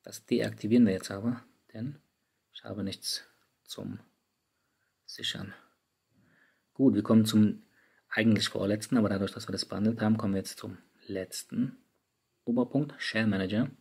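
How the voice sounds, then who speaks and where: A man with a low, gravelly voice and a slightly husky edge talks viewers through phone settings. He keeps it casual and chatty, speaking directly to his audience. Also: steady tone, normal speed, long pauses, a little mellow. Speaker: tech YouTuber. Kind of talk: screen-recorded app tutorial. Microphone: studio microphone.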